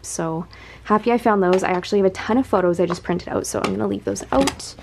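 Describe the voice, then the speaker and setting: A beauty vlogger in her thirties chats casually to camera while tidying her beauty room at home, thinking out loud and gushing over what she finds. Her medium-pitched voice is quick with vocal fry, picked up by a camera mic moving around a noisy room.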